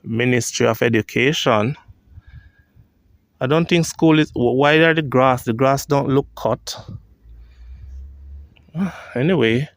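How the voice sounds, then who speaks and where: A Jamaican man strolls through an outdoor churchyard, reading old gravestones aloud in an unhurried, mid-pitched voice. His talk is slow and musing, and the sound is dry and close. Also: dry recording. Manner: reads grave inscriptions aloud, thinking out loud. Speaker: vlogger. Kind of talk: walking tour vlog.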